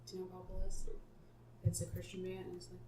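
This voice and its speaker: A woman's voice: lowish voice, completely flat delivery, fast talker. A woman guest chiming in casually from off to the side of the conversation. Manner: chatty interjections from the side. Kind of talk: casual chat. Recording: distant, roomy, noisy background.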